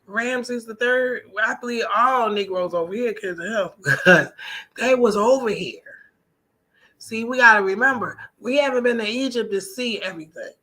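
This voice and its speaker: In a low-quality recording, a woman from the United States delivers a casual personal vlog monologue with emphatic, colloquial, conversational speech. Her slightly high voice sounds pushed and bright, at a moderate pace.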